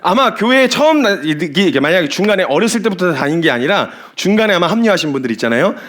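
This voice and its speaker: A man preaching a sermon as a missionary, animated, laughing often and acting out the people he describes. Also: high voice, quick pace.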